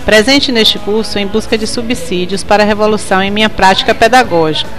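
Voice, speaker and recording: A woman's voice: mid-range voice, a little fast, music in the background, rough recording. A woman, a teacher, giving an upbeat, friendly recorded self-introduction.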